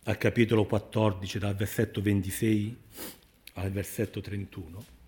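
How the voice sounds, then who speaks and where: A man preaching a sermon, slow and emphatic, sinking to near-whispers and then rising loud on repeated phrases. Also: lowish voice, little pitch movement.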